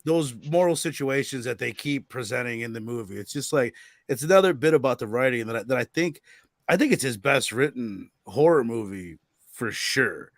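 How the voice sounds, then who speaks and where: Animated man hosting a movie chat. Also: medium pitch, normal speed, no echo, clean studio sound. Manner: animated, acts out movie lines in exaggerated voices. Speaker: podcast host. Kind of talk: casual movie review chat.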